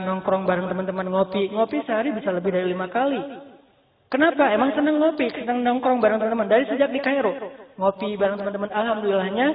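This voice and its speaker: Male preacher, high voice, casual sermon with acted-out quotes, tinny phone-like sound. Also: echoey room. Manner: lively storytelling, acting out quotes.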